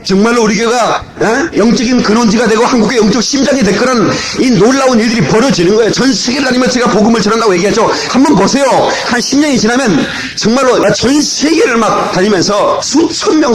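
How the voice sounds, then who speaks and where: Animated high-voiced pastor on old tape. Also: male voice, fast talker, few pauses, over a noisy crowd, low-quality recording. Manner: animated, shouting punchlines, playful asides. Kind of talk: lively humorous sermon. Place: church sanctuary. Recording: old cassette tape of a live church service with congregation. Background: congregation laughing and responding.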